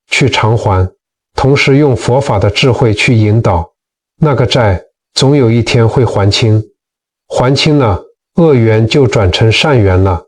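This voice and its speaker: A man's voice: medium pitch, recorded from a distance. A man narrating moral teaching stories from a script, speaking earnestly and addressing listeners as friends. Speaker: narrator of Buddhist teaching channel.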